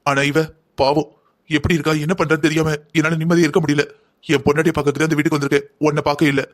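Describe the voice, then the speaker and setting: A man's voice: a little high, flat delivery, racing, natural voice. A man voicing a stern, disappointed middle-aged father in a family cartoon, lecturing his daughter bitterly. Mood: scolding. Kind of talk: Tamil cartoon voice acting.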